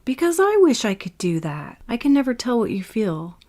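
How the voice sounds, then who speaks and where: A woman's voice: on the high side, sing-song, normal speed, darkish tone, pitched above the performer's own voice. A woman voicing Lily, a blunt, swearing young heroine. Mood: teasing. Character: tough young woman with new powers.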